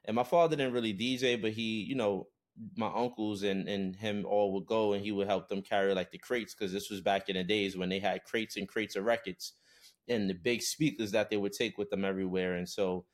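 A man's voice: on the low side, brisk. A young man from Brooklyn, New York, a recording artist and guest on a podcast, chatting casually with frequent "uh"s. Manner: relaxed, many filler "uh"s. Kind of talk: casual chat.

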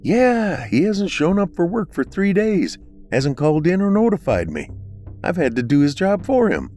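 A man voicing a fretful high-pitched funeral home boss. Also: sing-song, normal speed, mellow, soft background music. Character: fussy middle-aged male funeral home manager.

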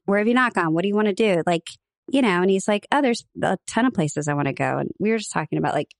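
A woman's voice: medium pitch, no room sound, clean studio sound. A woman from Nebraska co-hosting a podcast, telling rambling stories in casual chat and laughing often. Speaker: podcast co-host.

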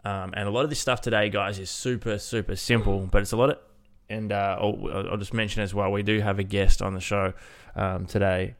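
A man with a lowish, nasal, congested-sounding voice hosts a casual solo fitness podcast in an informal style. He's a podcast host and fitness coach, and he speaks fairly quickly with a flat delivery.

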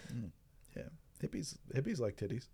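A man's voice: medium pitch, very animated, normal speed, creaky, mellow, slightly rough. A man co-hosting a casual chat podcast, joking and laughing often. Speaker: podcast co-host.

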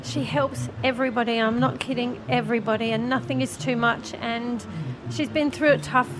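A woman's voice: fairly high pitch, steady tone, moderate pace, a crowd in the background. A middle-aged woman with an Australian accent chatting live on air in a flustered, rambling, down-to-earth way. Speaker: radio competition winner. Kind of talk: casual live on-air chat. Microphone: handheld microphone. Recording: clearly noisy background ambience.

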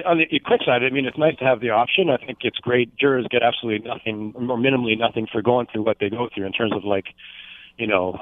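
A man, hoarse from a cold, explaining things at length as a therapist guest on a radio show. He comes through a tinny, narrow phone line that sounds close and dry. His pitch sits in an ordinary middle range. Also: dry recording. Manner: explanatory, long winding sentences. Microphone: telephone.

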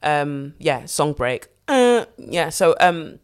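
A woman's voice: deep voice, big pitch swings, slow pace, smooth. Slangy London woman hosting a podcast. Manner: sweary, slangy, candid and playful. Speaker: podcast host. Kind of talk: casual solo podcast chat.

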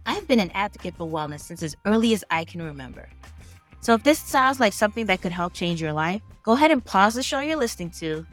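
A woman's voice: mid-range voice, big pitch swings, fast talker, faint music behind. A woman reading a scripted podcast promo in an upbeat, persuasive way.

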